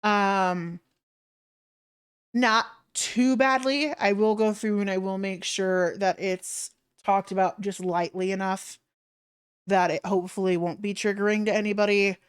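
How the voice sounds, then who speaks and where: A woman's voice: medium pitch, fairly even intonation, unhurried, smooth. A woman hosting a game livestream, talking casually in a monologue to her viewers.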